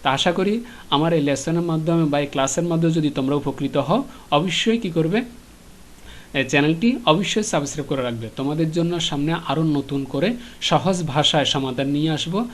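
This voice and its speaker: Man, teacher, somewhat high pitch, patient, pausing, repetitive classroom talk. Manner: patient, repeats questions to students, many filler "ah" pauses. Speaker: English teacher. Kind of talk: classroom lesson explanation.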